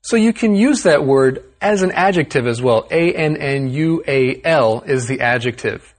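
A man hosting an English lesson, explaining words with a clear, upbeat teacher delivery. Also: on the high side, lively intonation, moderate pace. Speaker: host. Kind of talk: explaining vocabulary to learners.

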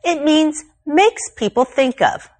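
A woman presenting a scripted grammar lesson, speaking slowly and carefully like a teacher. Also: high voice, expressive. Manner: slow, careful teacher delivery.

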